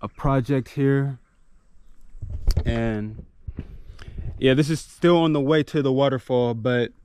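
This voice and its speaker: A man in his thirties chatting casually to camera in a relaxed, conversational way while exploring outdoors. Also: medium pitch, takes it slowly, clean tone. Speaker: travel vlogger. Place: outdoors on forest trails and dirt roads. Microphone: action camera at arm's length. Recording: noisy outdoor camera recording, engine and nature ambience.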